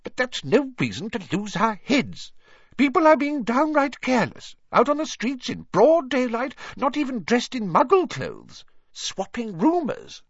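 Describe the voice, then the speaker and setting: A stern older witch professor played by a male narrator, pitched high and swooping widely as she speaks. She is brisk, proper and easily exasperated, in a storybook reading with a slightly dull, husky sound. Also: huge pitch swings, dry recording, exaggerated voice. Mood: irritable, sharp. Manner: irritable, exasperated, clipped and indignant.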